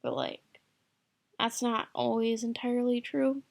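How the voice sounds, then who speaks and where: A woman's voice: a little high, measured pace, vocal fry. A woman giving loose, rambling advice to camera late at night, packed with "like" and casual swearing. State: sleepy, yawning late at night.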